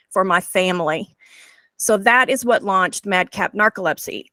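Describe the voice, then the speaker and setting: A woman's voice: fairly high pitch, fairly bright tone, dry recording. A woman in her forties, a guest presenter telling her personal story in an earnest, heartfelt way over a video call.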